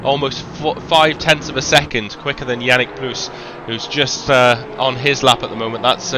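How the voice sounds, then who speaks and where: A man's voice: medium pitch, noisy background. A man with a faint Welsh accent doing live sim racing commentary, chatty, with lots of ums and self-corrections. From Wales.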